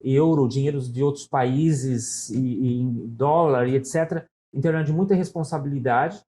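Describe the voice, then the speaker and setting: A middle-aged Brazilian man with a São Paulo accent talks casually as an interview guest, full of stories and frequent "né?" tags. His mellow voice is medium in pitch at a moderate pace.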